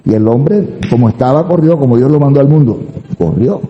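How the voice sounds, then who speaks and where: A male pastor preaching a sermon, telling stories in an animated way and acting out the voices of the people he quotes. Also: medium pitch, brisk, reverberant, long reverb tail, highs cut off. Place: church sanctuary.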